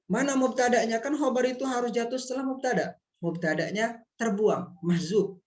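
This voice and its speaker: A man teaching a class in a relaxed, reassuring way, working through examples with rhetorical questions. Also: extremely high pitch, moderate pace. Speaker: lecturer. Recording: echoey room.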